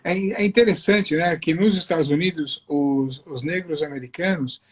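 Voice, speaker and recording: A man's voice: a little high, normal speed, slightly rough. A middle-aged man, hosting a live interview and putting his questions with stops and restarts. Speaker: host.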